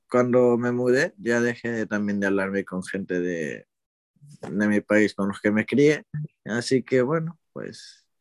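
A man's voice: fairly low pitch, no room sound, clean studio sound. A young man from Ecuador, talking casually as an interviewee, rambling a little and correcting himself as he goes. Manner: relaxed, rambling, with hesitations and self-corrections. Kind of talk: casual conversation.

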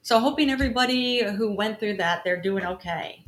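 Woman, podcast co-host, casual news chat, hesitant fillers, mid pitch. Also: normal speed. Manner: chatty, laughs often, hesitant with fillers.

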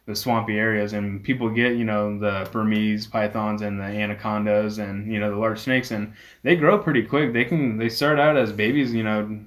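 A man's voice: on the low side, steady tone, normal speed. A man being interviewed as a guest, explaining things casually in a rambling, filler-heavy way. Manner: rambling, peppered with "you know". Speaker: interview guest, reptile rescue owner.

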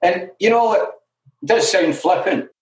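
Unhurried and high-voiced, a middle-aged Glaswegian man recalls his life candidly as an interview guest in alcohol recovery, frank and self-deprecating with lots of "you know." His Scottish accent carries through the echo of a roomy room.

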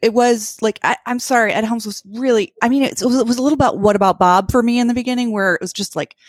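A woman's voice: fairly high pitch, quick pace, no echo. A woman from Long Beach, California, chats loosely as a podcast guest, with her braces in. Her talk is full of fillers and restarts. The sound is dry and close. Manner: chatty, lots of fillers. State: talking with braces in. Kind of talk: casual chat.

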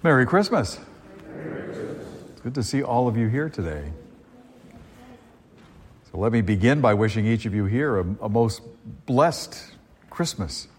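A man with a fairly low, husky voice preaches and reads as a priest. His phrasing is conversational and a little halting, circling back on his words. The sound rings with the long echo of a cathedral-like space. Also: animated. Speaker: priest preaching at a Christmas service. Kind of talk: liturgical reading and homily. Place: large reverberant church.

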